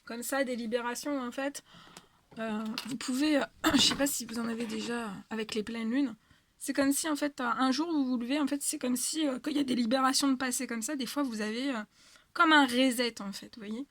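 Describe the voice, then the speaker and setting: A woman's voice: high-pitched, steady tone, brisk, a bit bright, dry recording. Hesitant woman giving a tarot reading. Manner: hesitant, many fillers and repetitions. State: tired voice after an hour of talking. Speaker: tarot reader. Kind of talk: casual spiritual guidance monologue.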